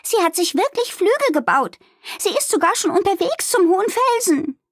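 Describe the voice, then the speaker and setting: A woman voicing an eager, excitable young girl who talks in breathless bursts. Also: extremely high pitch, moderate pace, no room sound, clean studio sound, voice pushed up. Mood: excited.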